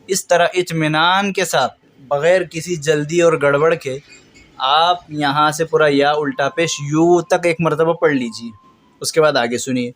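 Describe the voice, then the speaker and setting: Guy teaching reading, kinda high voice, drags words out slow then explains quick, corrects mistakes patiently. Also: fairly even intonation, fairly bright tone. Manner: slow drawn-out recitation of words between brisk explanations. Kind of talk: recorded reading lesson.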